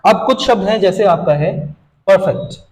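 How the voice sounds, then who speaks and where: A teacher with a high, mellow voice walks students through grammar rules, often asking a question and then answering it himself. His voice carries the echo of a bare room. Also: moderate pace, slight background noise. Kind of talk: classroom grammar lesson.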